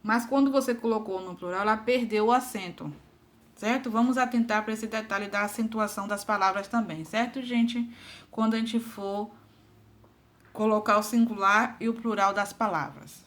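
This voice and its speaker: A woman teaches a grammar lesson at a patient, steady pace. She reads out word pairs one by one and often stops to check in with her class. Her voice sits at an everyday middle pitch. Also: normal speed.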